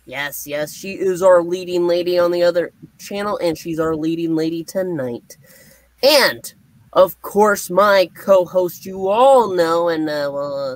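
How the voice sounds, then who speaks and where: A co-host reads a comic book aloud for a live puppet show, using a showy, theatrical announcer style punctuated by sudden emphatic bursts. The voice is mid-range and fairly bright, with no echo.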